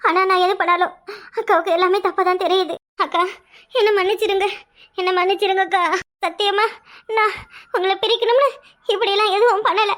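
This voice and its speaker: A faint, tearful young village wife from a cartoon, as a woman plays her, pleading in broken, halting phrases with a Kanyakumari Tamil accent. Her voice is very high and bright. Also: fairly even intonation.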